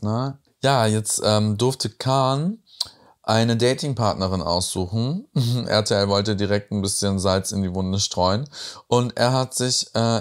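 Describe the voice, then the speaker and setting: Chatty, teasing young man. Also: on the low side. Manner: chatty and teasing, tag questions. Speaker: reaction video host. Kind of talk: casual commentary on a reality show.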